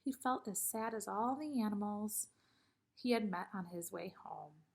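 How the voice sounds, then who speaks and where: A woman's voice: mid-range voice, unhurried, creaky. A woman narrating a children's picture book expressively, like a teacher reading aloud.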